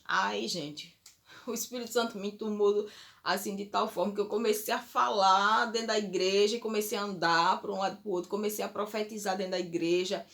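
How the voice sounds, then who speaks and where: A woman's voice: mid-range voice, fairly even intonation, fairly quick, vocal fry, fairly bright tone. A woman gives a personal religious testimony. She tells it earnestly and emotionally, often turning to speak straight to her viewers. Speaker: churchgoer giving a testimony.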